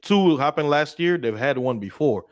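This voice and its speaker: A man in casual political discussion, telling a story in an animated way and acting out the voices of the people he quotes. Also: fairly high pitch, normal speed, no echo.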